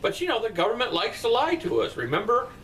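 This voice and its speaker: The voice is extremely high, swinging hugely in pitch, fast and fairly bright: a middle-aged man in his bedroom at night, casually responding to viewer comments. He's rambling and blunt, with profane asides. Faint room noise comes through the distant mic.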